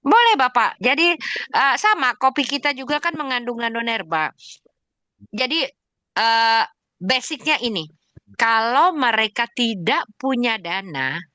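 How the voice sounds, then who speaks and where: A woman doctor takes questions in an online session. She explains emphatically and lists examples one after another, in a bright, fairly high voice. The sound is dry and close. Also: no echo.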